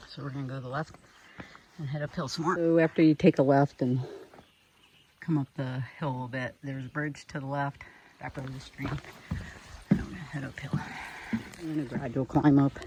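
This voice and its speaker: A man's voice: medium pitch, steady tone, a little fast, pauses often, noisy background. A man narrating casually while hiking uphill on a forest trail, breathing heavily as he walks. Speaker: hiker vlogger.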